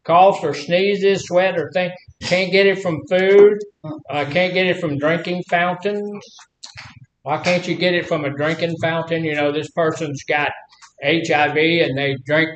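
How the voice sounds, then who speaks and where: A man's voice: a little high, steady tone, measured pace, roomy sound, slight background noise, rough recording. A middle-aged man teaching a casual class, folksy and full of questions to the room. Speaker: health instructor.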